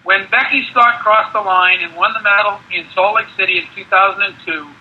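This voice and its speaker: High-voiced older man recalling a coaching career, muffled. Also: fairly quick, husky. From Canada. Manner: rambling with many restarts and repeated words. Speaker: guest, ski area manager and former cross-country ski coach. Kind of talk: conversational interview.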